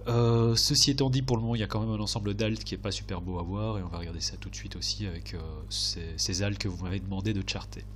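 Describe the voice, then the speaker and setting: A man with a fairly deep voice talks through charts in an informal, hesitant way. His nose is blocked and his throat sore, so he sounds stuffy and nasal. Some background noise and hum sits behind him. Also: fairly even intonation, fast talker, hardly any pauses, a bit bright. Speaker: host of a crypto chart analysis video. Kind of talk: casual technical commentary over charts.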